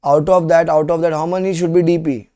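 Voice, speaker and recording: An Indian-accented male teacher with a slightly high-pitched voice. He lectures to a live class, quizzing students as he goes and saying key questions and phrases more than once so they stick. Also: steady tone, brisk, dark tone, smooth. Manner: repeats questions and phrases for emphasis.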